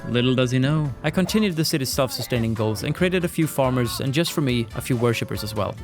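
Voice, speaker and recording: A man's voice: medium pitch, expressive, fast talker, over music. A man reading scripted gameplay narration in a dry, sardonic manner. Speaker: gaming channel host.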